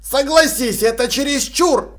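A cocky, skinny schoolboy sneers with mock-soothing calm, as a man puts him on. The voice sits high above the reader's own, but stays quiet. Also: normal speed.

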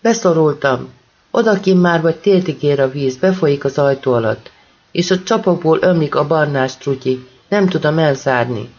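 A man's voice: fairly high pitch, darkish tone, lo-fi sound. A man reading an audiobook, voicing a terrified teenage girl trapped by a flood, speaking in panicked, breathless pleas. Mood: frightened.

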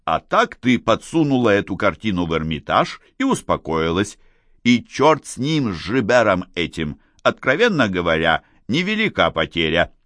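A man's voice: on the low side, moderate pace, dry recording. A man playing a sly bantering artist. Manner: bantering, loud when excited. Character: sly male artist friend, mocking, easily excited.

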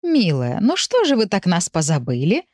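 Storybook hostess: persuasive, reassuring woman, lower pitch, voiced by a woman narrator. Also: wildly swooping pitch, normal speed, a little mellow, no room sound, studio quality. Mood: coaxing.

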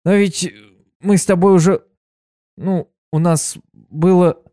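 Brief: a man doing a sly blue pony mare, bubbly and teasing, pitched high, dry close sound. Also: steady tone, slow, warm tone, dry recording. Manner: bubbly, teasing, turns menacing. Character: cheerful sly blue female pony, fiercely protective.

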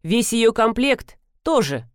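A woman's voice: very animated, slow pace, no echo. Woman reading a story dry and close. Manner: voices characters with pitch jumps. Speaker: audiobook narrator. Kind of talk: first-person audiobook reading.

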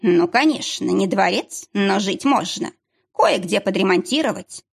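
Woman doing a whining, slow ex-husband. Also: mid-range voice, animated, gravelly, husky, heavily acted. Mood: whiny. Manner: drawn-out, whining delivery. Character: whiny, pleading ex-husband, middle-aged man.

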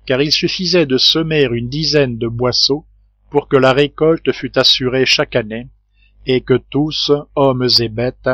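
A man reading a classic novel aloud at an unhurried, steady pace. His voice sits in a middle register and is recorded close and dry. The sound is a little dull, like a home recording. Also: mid-range voice, no room sound. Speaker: audiobook narrator.

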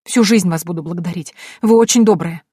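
A woman's voice: fairly low pitch, a little fast, warm tone, breathy edge, no room sound, studio quality. A woman voicing a humble, grateful middle-aged female housekeeper who speaks earnestly.

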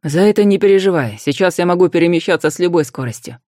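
A woman's voice: lowish voice, animated, quick pace, dark tone, no room sound, clean studio sound, lightly acted. Makar, a woman voicing a cheeky young ghost. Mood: lively. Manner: casual, slangy, eager. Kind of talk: audiobook character voice.

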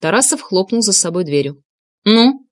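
Woman reading an audiobook, measured. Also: medium pitch, animated. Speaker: audiobook narrator. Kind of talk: scripted first-person narration.

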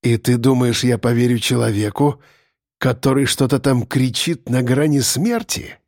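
A man doing a cold, quiet cannibal. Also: mid-range voice, no echo, studio quality, lightly acted. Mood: menacing. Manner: quiet, slow and icy. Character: cold, menacing male cannibal captor. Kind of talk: audiobook character voice.

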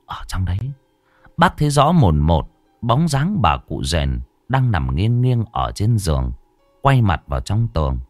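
A man's voice: lowish voice, sing-song, unhurried, no room sound, soft background music. A man narrating a horror story in a dramatic, suspenseful way.

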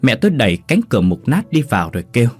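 A man reading a ghost story aloud in an expressive storytelling manner. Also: mid-range voice, very fast, slightly rough, faint music behind. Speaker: narrator. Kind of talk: scripted ghost story narration.

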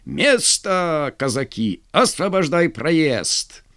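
A man's voice: medium pitch, big pitch swings, moderate pace, no echo, natural voice. A nervous, impatient army colonel, voiced by a male narrator, sighing and fretting between urgent orders. The reading is dry and close, like a storybook read aloud.

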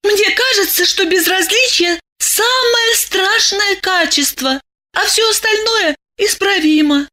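A woman's voice: very high-pitched, takes it slowly, sharp tone, pitched above the performer's own voice, heavily acted. A woman voicing a lovestruck, emotional young woman who talks fervently and pleadingly in an audiobook. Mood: earnest. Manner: fervent, pleading, tearful at times. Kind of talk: audiobook character voice.

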